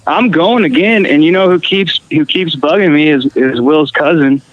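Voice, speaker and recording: Casting: man from Costa Rica, slightly high voice, easygoing rambling storyteller on a podcast call. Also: moderate pace, no echo, narrow, tinny audio. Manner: relaxed storytelling with fillers and restarts. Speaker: guest musician. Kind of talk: casual phone chat.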